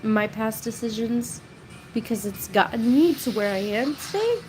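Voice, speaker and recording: A woman's voice: on the high side, animated, moderate pace, darkish tone, faint music behind, rough recording. A woman in her thirties telling rambling, chatty stories about her past on a casual live stream, often breaking into laughs. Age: 30s. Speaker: storytelling creator.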